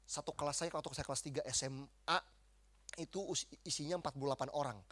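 A man giving a lively testimony as a preacher, acting out quotes and swinging between loud bursts and hushed passages. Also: fairly high pitch, fast talker.

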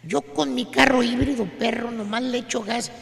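A man's voice: very high-pitched, fairly even intonation, moderate pace, vocal fry, fairly bright tone, breathy edge, no echo. A man with a Mexican accent telling a slangy, mocking comic story as a radio show host. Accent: Mexican Spanish.

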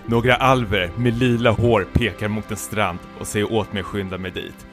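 A man's voice: fairly low pitch, fairly even intonation, faint music behind. A man co-hosting a podcast who reads his own comic fan story aloud in a playful way, often laughing as he reads. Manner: playful, breaks into laughter while reading. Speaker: podcast co-host. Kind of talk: comic reading of a self-written fan story.

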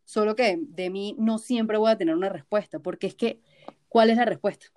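A woman's voice: mid-range voice, moderate pace, darkish tone. Blunt Venezuelan woman chatting. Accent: Venezuelan Spanish. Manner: frank, blunt, swears casually. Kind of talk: casual chat.

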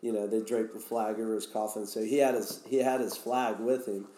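A man's voice: on the low side, level tone, fairly quick, mellow. A man guest casually telling stories, rambling with many restarts. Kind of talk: casual storytelling. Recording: roomy echo.

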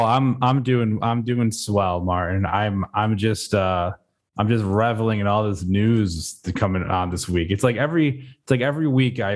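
A man co-hosting a podcast in casual chat, joking and stumbling over restarts before making his points firmly. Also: lowish voice. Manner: joking, halting restarts, then opinionated. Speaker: podcast co-host.

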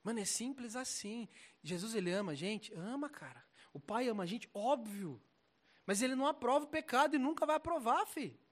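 A young Brazilian man preaching a casual, slangy sermon, animated and swinging between loud and soft. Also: very high-pitched, brisk.

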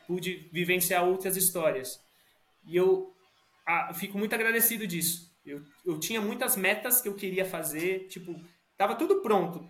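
A man's voice: sits high, moderate pace, a bit bright. A Brazilian man speaking as a podcast guest in a casual, reflective conversational way. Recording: roomy echo.

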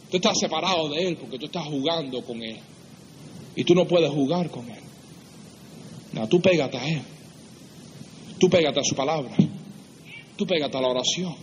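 A man preaching a sermon who acts out pleading prayers in a higher voice and drops low and slow to drive points home. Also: big-room sound, a little hiss or hum. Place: church.

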